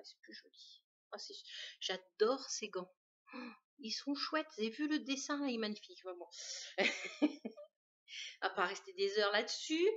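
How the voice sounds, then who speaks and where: Chatty knitting lady showing off her projects, lots of ums, kinda high voice, muffled recording. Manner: chatty, hesitant, many fillers. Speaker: knitting podcaster. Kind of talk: casual show-and-tell chat. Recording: dull lo-fi sound.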